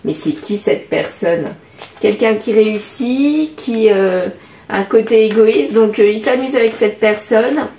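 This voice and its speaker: French lady doing a card reading, thinking out loud, lots of ums, echoey room. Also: fairly high pitch, unhurried. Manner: musing, hesitant, many fillers. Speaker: card reader. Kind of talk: casual oracle card reading.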